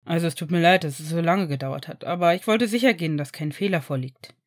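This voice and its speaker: A woman voicing a kind male village doctor who speaks gently and soothingly, with a few hesitations. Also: fairly low pitch, quick pace, no room sound, clean studio sound, voice pushed down, natural voice.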